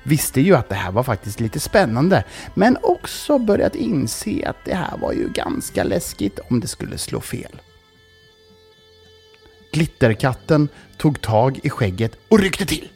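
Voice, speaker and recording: Lively children's story narrator. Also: mid-range voice, gravelly, breathy edge, soft background music.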